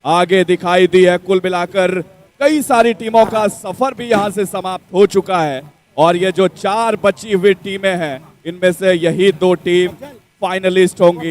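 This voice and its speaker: A man with an Indian accent commentates live on cricket in a notably high voice. His delivery is dramatic, and he leans into poetic flourishes as he describes the play. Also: darkish tone.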